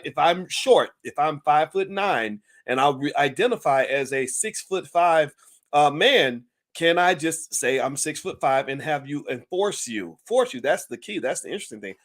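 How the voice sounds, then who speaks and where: A man's voice: on the high side, a bit bright. A man hosting his own channel, talking casually to viewers, chatty and amused, with many restarts and questions to the audience. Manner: chatty, laughing, lots of restarts and asides to viewers. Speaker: channel host. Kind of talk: casual talk-show commentary.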